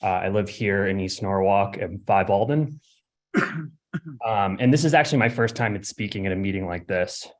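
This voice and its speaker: A young man from Connecticut giving a hesitant public comment at a city hearing over a remote call, with many fillers and throat clearing. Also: on the low side, expressive, moderate pace. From Connecticut, USA. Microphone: remote call audio.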